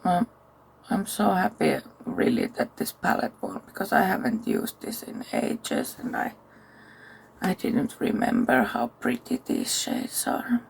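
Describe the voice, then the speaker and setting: Tired, gravelly-voiced woman. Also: lowish voice, wildly swooping pitch, measured pace, loud music behind the voice. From Finland. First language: Finnish. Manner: chatty, thinks aloud while working, soft asides. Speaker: makeup vlogger. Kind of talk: casual makeup tutorial talk.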